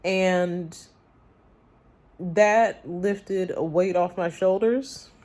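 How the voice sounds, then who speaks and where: A woman speaking candidly in a personal vlog, confiding and reflective, with halting phrases and pauses. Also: fairly low pitch, darkish tone. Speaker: vlogger.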